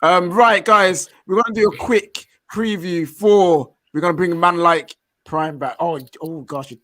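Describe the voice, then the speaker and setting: London roadman host, high voice, jokey slangy football chat. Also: fairly even intonation, a little slow, fairly bright tone. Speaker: host of a football fan show.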